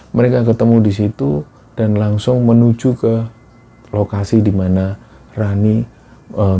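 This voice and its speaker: A man telling a horror story in casual spoken style, with a relaxed, conversational delivery full of fillers. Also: lowish voice.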